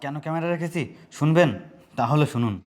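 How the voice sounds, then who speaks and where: A man's voice: a little high, fast talker, a little mellow, close to an everyday voice. An actor playing a scheming young man who plants a hidden camera out of revenge, speaking with brazen, taunting boldness.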